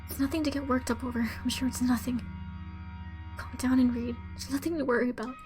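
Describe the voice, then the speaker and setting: A woman reading as a distraught fourteen-year-old noble girl from a visual novel, frantic and muttering to herself, her voice pitched high and rising higher as she unravels. Faint music plays underneath, as if the story runs in the background. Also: fairly even intonation, a little fast, natural voice.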